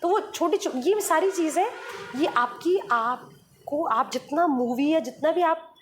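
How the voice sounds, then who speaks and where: A woman with a high voice speaks at a measured pace over soft background music. She is a radio jockey being interviewed for a podcast, patiently explaining things with examples and slipping in English phrases.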